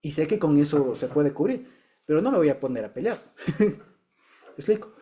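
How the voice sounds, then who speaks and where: Man, warm tone, conversational testimony, repeats words, small group Bible study. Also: a little high, lively intonation, moderate pace. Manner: chatty, repeats words and checks in with listeners.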